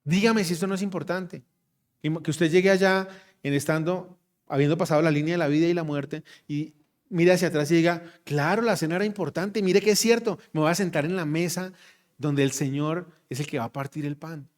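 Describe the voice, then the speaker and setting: A man's voice: on the high side, fairly quick, a little mellow. A man preaching a sermon, emphatic, repeating his phrases and putting questions straight to the congregation.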